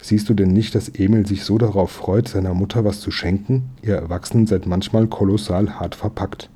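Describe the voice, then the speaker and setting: A man's voice: lowish voice, fairly even intonation, moderate pace, warm tone, husky. A man doing a cheeky, bossy young girl. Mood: sassy. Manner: sassy and bossy.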